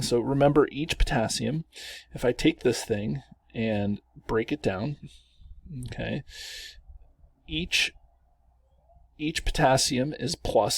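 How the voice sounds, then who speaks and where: Slow gravelly man teaching chemistry. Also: medium pitch, no room sound, studio quality. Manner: chatty, self-correcting, chuckles at the long names. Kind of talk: lecture walking through worked examples.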